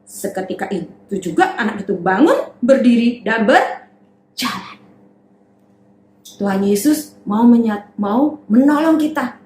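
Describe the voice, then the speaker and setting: High-voiced woman teaching Sunday school. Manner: acts out the characters with shouted and tearful voices. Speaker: children's church teacher. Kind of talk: animated Bible storytelling for children. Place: church hall. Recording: echoey hall with faint background noise.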